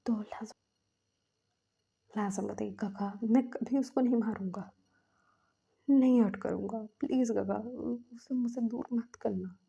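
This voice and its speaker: Woman storyteller, casual fan-story retelling, husky and dull, on a lo-fi recording. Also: a little high, fairly even intonation, unhurried, pauses often, mellow. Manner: chatty, quotes characters in her own voice.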